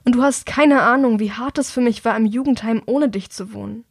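A woman's voice: on the high side, a little fast, no echo, clean studio sound. A woman narrator voicing a troubled, withdrawn young man who speaks in a tense, subdued way. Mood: strained.

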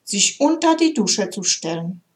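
A woman's voice: medium pitch, very animated, measured pace. A woman reading aloud, voicing a patient, loving male God who explains his creation earnestly.

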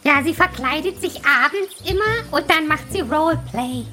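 A woman voicing a cheeky little male dwarf with a high, squeaky voice and blunt, deadpan answers. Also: normal speed, soft background music. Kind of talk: comedy podcast sketch.

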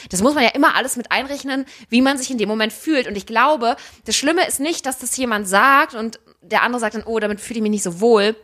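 A woman co-hosting a podcast in casual chat, talking emphatically and opinionatedly with quick asides. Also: medium pitch, a bit bright. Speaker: podcast co-host.

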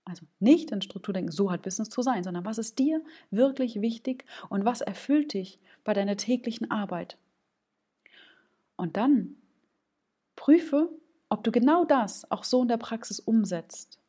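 A woman's voice: fairly high pitch, lively intonation, moderate pace, mellow, breathy edge. A woman hosting a solo coaching podcast, speaking informally to the listener with frequent "ja?" check-ins and acting out little quoted voices of gut and head. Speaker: podcast host, business coach.

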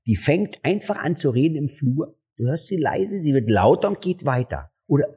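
Male stand-up, husky, animated storyteller in a chat. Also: normal speed. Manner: animated, acts out dialogue with jumps in pitch. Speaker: stand-up comedian. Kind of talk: casual interview storytelling.

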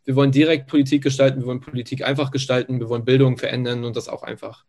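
A man's voice: mid-range voice, little pitch movement, very fast, darkish tone. A man making an insistent point on a video call panel, repeating his phrasing. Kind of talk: panel contribution.

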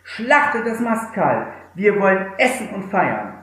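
A man's voice: a little high, wildly swooping pitch, slow pace, pitched above the performer's own voice, exaggerated voice. A man reading aloud who voices an old father, forgiving and joyful, recorded in a very echoey room. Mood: jubilant.

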